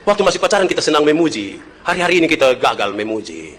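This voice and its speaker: Lively Kupang-accented pastor preaching. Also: male voice, very fast, slight background noise. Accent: Kupang Malay. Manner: joking, swings between loud high exclamations and low asides. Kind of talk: sermon.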